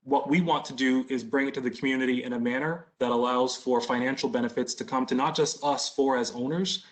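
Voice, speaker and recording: A man in his thirties from Boston answers questions at a community meeting. His voice sits at a middle pitch, and he talks in a measured, conversational way with frequent fillers. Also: steady tone, poor audio. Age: 30s. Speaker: business owner presenting a proposal.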